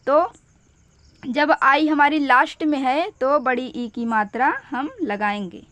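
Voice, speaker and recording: Slow, high-voiced woman teaching spelling. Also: fairly even intonation, fairly bright tone, dry recording. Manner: patient, repeats each step slowly. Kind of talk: step-by-step spelling lesson.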